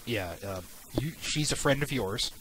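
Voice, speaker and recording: A man narrating as game master in a casual, halting, playful way. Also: mid-range voice, animated, heavy background noise.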